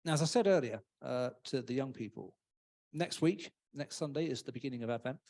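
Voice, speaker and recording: A man's voice: mid-range voice, brisk, a little mellow. A man giving a casual, humorous sermon in a church, often acting out voices. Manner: chatty, humorous, acts out voices. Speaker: preacher.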